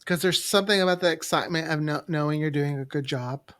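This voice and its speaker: A man's voice: a little high, quick pace, fairly bright tone. A man chatting casually and candidly as a podcast co-host, playful and prone to wandering off topic. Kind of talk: casual chat.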